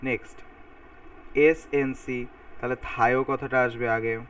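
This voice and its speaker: A man's voice: medium pitch, level tone, unhurried, fairly bright tone, clean tone. Man teaching chemistry from a distance. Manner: talks while writing on a board, thinking aloud, repeating sounds to drill pronunciation. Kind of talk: recorded lecture explaining formulas. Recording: voice a bit far from the mic.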